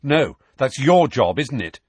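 A man's voice: on the low side, very animated, a little slow, no room sound. A man voicing a defiant teenage boy who answers stiffly and curtly. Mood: sullen. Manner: stiff, curt.

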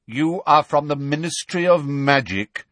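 A man voicing a rough, stern, proud male centaur leader. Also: a little high, lively intonation, a little slow, fairly bright tone, no room sound, voice pushed up.

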